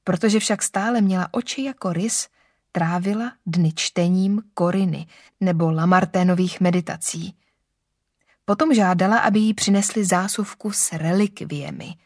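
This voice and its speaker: A woman narrating a classic novel aloud in a calm, even, literary manner. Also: on the low side, no room sound, clean studio sound. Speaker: audiobook narrator.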